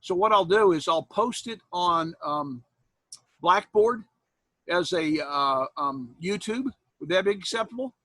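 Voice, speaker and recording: After an online class, a folksy Iowa college instructor in his 60s stays to chat with students from home, joking and laughing often. His husky, higher male voice is animated, a little slow, bright and forceful. The computer mic on the video call gives a close, dry recording.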